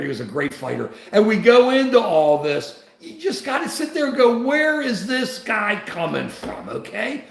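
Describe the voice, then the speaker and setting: Older male livestream host, high gravelly voice, rambling rants, roomy echo. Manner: rambling, repetitive and animated. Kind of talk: political livestream commentary.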